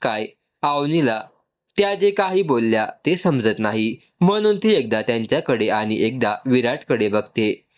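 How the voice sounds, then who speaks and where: Male narrator, even and calm storyteller, muffled recording. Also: medium pitch, measured pace. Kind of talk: scripted narration.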